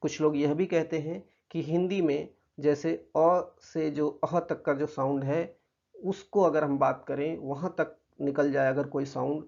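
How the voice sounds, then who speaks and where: A man with an Indian accent teaching a grammar lesson, patiently explaining slides and reading English examples slowly. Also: a little high, steady tone, vocal fry, darkish tone. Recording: muffled lo-fi recording.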